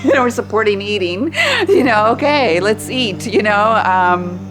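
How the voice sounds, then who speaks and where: A woman's voice: mid-range voice, normal speed, music in the background, poor audio. A woman performing artist talking earnestly and conversationally in a documentary interview.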